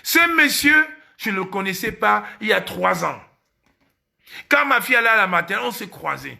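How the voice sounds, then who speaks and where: Man, Cameroonian French accent, high-pitched, gravelly edge, live-stream host, emphatic and repetitive. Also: big pitch swings, moderate pace, bright, forceful tone. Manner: emphatic, repeats key phrases. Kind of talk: casual live-stream talk.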